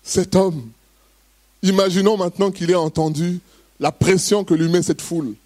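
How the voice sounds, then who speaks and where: Animated French-speaking male preacher. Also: high-pitched, normal speed, no room sound. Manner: reads scripture calmly, then preaches with rising, emphatic bursts. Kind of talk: sermon with Bible reading.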